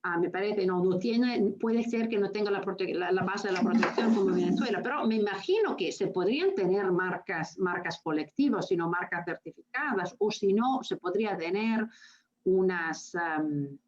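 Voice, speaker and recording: A woman's voice: medium pitch, normal speed, darkish tone, a little hiss or hum. A woman with an Italian-influenced foreign accent in Spanish, giving an informal academic talk and often searching for words or mixing languages. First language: Italian, speaking non-native Spanish. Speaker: guest speaker. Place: remote video call. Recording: muffled video call.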